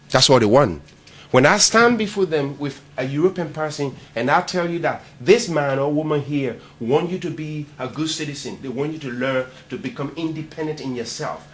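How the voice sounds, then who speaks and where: A man from Liberia giving a charity presentation in a meeting room, animated and quizzing his audience. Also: a little high. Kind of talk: speech to a networking event.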